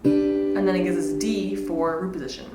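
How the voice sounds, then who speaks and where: A woman gives an informal guitar lesson, explaining casually and thinking aloud between demonstrations, with electric or acoustic guitar played alongside. She speaks at normal speed in a low, fairly even voice, and the room has an echo.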